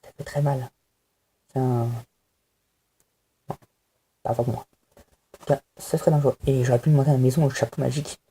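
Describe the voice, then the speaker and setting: A man's voice: mid-range voice, fairly even intonation, normal speed, long pauses, warm tone, slight background noise. A young man chatting casually to camera at home, hesitant and self-mocking, with many fillers. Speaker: vlogger answering a fan tag. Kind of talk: casual chat.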